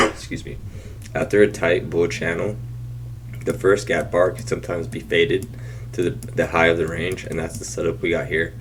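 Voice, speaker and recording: Man, very deep voice, casual screen-recorded chart walkthrough, thinking aloud with restarts, faint keyboard typing. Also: little pitch movement, normal speed, background noise. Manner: thinking aloud, repeats and restarts, occasional throat clearing. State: has the hiccups. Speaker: day trader reviewing charts.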